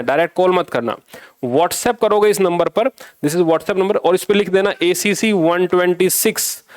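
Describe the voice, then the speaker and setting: A man's voice: high voice, no echo, studio quality. A man teaching an exam review lesson, scolding and pushing his students, mixing English phrases into his talk.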